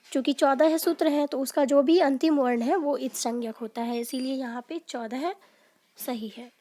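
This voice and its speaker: A woman's voice: sits high, a little mellow. A woman teaching a lesson on quiz questions, explaining each answer step by step and often checking in with her students. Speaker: Sanskrit teacher.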